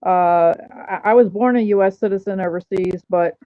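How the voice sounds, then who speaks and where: Halting woman in her fifties, muffled. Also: mid-range voice, clean tone, dry recording. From Japan. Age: 50s. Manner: halting, many fillers and restarts. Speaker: guest. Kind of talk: casual talk show interview.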